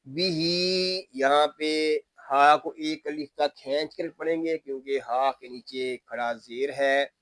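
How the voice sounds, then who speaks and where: A man teaching Quran recitation rules word by word, patiently explaining each rule and chanting the verses in long, drawn-out tones. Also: a little high, steady tone, a bit bright, dry recording. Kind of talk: tajweed lesson, word by word.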